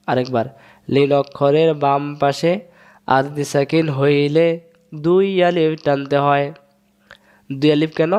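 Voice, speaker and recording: A man teaches a Quran recitation lesson in a room, writing on a board in front of a camera as he goes. With a Bangladeshi Bengali accent, he repeats every rule patiently and asks and answers his own questions. His voice is on the high side with a darkish tone.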